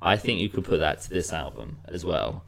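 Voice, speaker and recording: A man's voice: a bass voice, big pitch swings, a little fast, creaky, a bit bright. A man hosting a casual music review chat, rambling with frequent restarts. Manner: rambling, restarts, many "you know".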